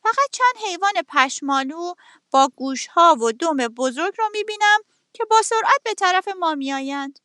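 A sharp-witted storybook rooster with a very high, bright voice and quick comebacks, as a woman puts him on. The recording is dry and close. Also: lively intonation, no room sound, heavily acted. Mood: clever wary.

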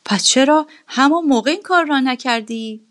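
A woman voicing a selfish, hot-tempered king in a storybook reading, commanding and shrill when alarmed. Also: fairly bright tone. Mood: imperious.

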